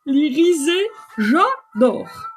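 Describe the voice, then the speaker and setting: A woman's voice: sits high, very animated, drawn-out words, soft background music. A woman in her fifties with a runny nose, chatting casually to viewers while doing her makeup live. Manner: chatty, rambling, talks straight to viewers.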